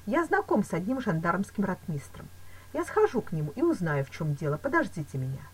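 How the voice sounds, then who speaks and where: A woman reading an audiobook voices a calm, suspicious male fencing teacher who questions slowly and deliberately, in her slightly husky voice. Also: lowish voice, slight background noise. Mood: firm.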